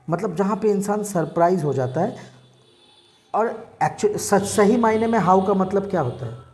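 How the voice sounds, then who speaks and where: A man's voice: high voice, darkish tone. Guy teacher explaining english words, keeps asking if you got it. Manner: keeps checking if students understood. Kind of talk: classroom lecture.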